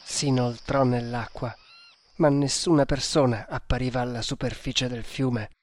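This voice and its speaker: A man reading a novel aloud as scripted audiobook narration, deliberate and measured. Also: medium pitch, fairly even intonation, slight background noise.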